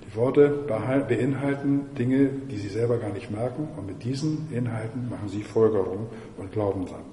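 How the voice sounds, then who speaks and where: A man's voice: lowish voice, moderate pace, warm tone. A man giving a university mathematics lecture, digressive and firing rhetorical questions at the audience. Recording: echoey lecture hall, faint noise.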